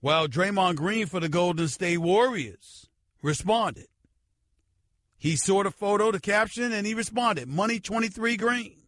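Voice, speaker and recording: A middle-aged man on sports radio, talking with an emphatic, preacherly build that circles back to hammer each point home. His voice sits a bit high for a man. The sound is close and dry, with no room around it. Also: expressive, a little slow, a bit bright, no room sound. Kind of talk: sports talk radio commentary and host-read ad.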